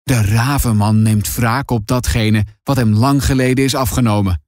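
A man voicing a confused, frightened old grandfather in a storybook reading, speaking low and ominously. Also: fairly even intonation, normal speed, darkish tone, no room sound, studio quality, natural voice.

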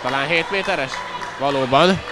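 A man giving excited live sports commentary in an animated way, exclaiming and calling out players' names. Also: on the high side, over loud music. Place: indoor school sports hall during a match. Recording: noisy echoing crowd, live match sound. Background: loud crowd and bouncing ball.

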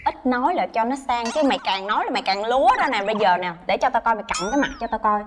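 A woman's voice: on the high side, lively intonation, very fast, background noise, lightly acted. A woman playing a brash, mocking woman. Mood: bossy mocking. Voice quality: loud, bossy, mocking. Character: brash flashy woman mocking her plain friend. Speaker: actress in a TV drama.

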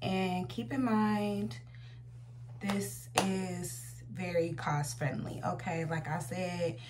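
A woman in her twenties with an American accent chats informally and with plenty of slang as a makeup vlogger, mixing casual talk with a tutorial. Her voice is low and steady with a slow pace. She's recording indoors in a small room at home, and the audio is noisy with hum.

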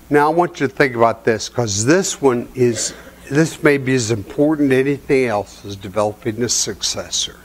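An older man presents at a conference to a seated audience, moving from practical advice into folksy family anecdotes. He talks in a relaxed storytelling way and chuckles at his own punchlines. His voice sits at an ordinary middle pitch, picked up by a lapel mic in a hotel meeting room. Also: a little hiss or hum. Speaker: seminar presenter.

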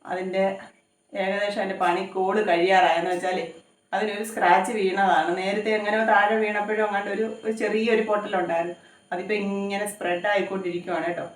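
Chatty woman in an echoey kitchen. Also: medium pitch. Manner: rambling, conversational, often adds tag questions. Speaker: cooking vlogger. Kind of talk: chatty home cooking vlog. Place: home kitchen. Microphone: phone camera some distance away. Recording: echoey room, voice from far off.

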